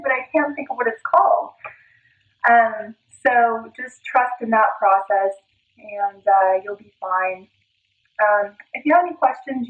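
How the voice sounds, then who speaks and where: A woman in her thirties talking casually to camera in a halting way, in short trailing phrases, as in a spiritual vlog recorded at home. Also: on the high side, narrow, tinny audio. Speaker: spiritual video blogger. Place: indoor room at home.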